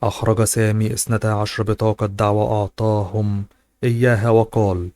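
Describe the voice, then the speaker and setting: Male audiobook narrator, low register, flat steady read. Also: a little fast, dry recording. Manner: even, steady reading voice.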